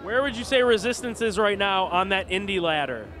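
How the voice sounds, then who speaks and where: A man's voice: high voice, expressive, brisk. A man chatting casually as the interviewer for a wrestling show. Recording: outdoor urban crowd and traffic noise.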